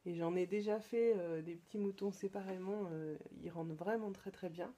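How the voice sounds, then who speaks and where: A woman from France hosting her own podcast, chatting casually and hesitantly, with many fillers and restarts and soft whispered asides. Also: medium pitch, steady tone, moderate pace. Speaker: podcast host. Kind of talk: casual show-and-tell chat.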